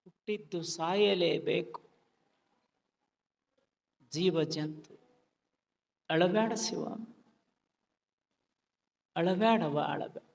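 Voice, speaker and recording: A man's voice: high-pitched, very slow, creaky, long pauses, recorded from a distance, pitched below the performer's own voice, exaggerated voice. A man as a soothing motherly consoler. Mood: consoling. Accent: North Karnataka Kannada. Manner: soothing, preaching with proverbs. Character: calm motherly woman consoling a widow. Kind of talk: folk drama recitation. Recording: long hall reverb.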